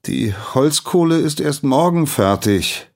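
A man's voice: lowish voice, animated, brisk, pitched above the performer's own voice. A man voicing an overeager young male apprentice smith who stammers in a spoken docu-drama. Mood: eager.

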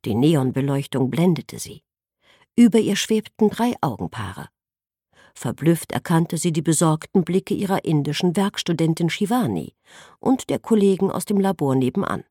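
A woman reading a novel aloud as narrator, in an expressive storytelling manner. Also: low voice, moderate pace, slightly rough, dry recording, clean studio sound. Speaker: audiobook narrator. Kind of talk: scripted narration.

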